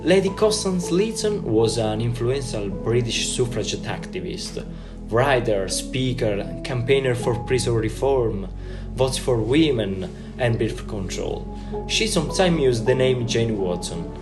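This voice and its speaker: A formal interview host , played by a man, introduces his guest with a showman's flourish. His pitch moves lively up and down, and guitar music plays clearly behind him. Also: unhurried, lightly acted. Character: man hosting an evening interview. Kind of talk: scripted drama interview.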